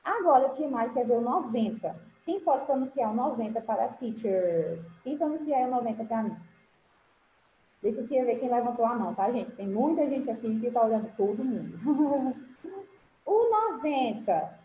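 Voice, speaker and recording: A woman's voice: a little high, lively intonation, normal speed. A woman with a Brazilian Portuguese accent teaching English numbers to children in an online class, encouraging them with pet names. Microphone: video call. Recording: roomy, dull video-call audio with faint hiss.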